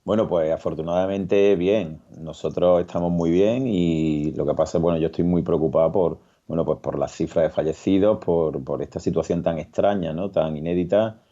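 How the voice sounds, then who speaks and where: A man, a charity representative answering interview questions with many pauses and fillers. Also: sits low, fairly even intonation, warm tone, muffled recording. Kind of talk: remote TV interview.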